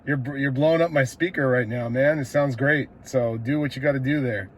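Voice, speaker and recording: Speaking with a mid-range voice at moderate pace, an American man works a CB radio, making station calls and chatting in a relaxed, slangy way. Background radio noise is clearly audible.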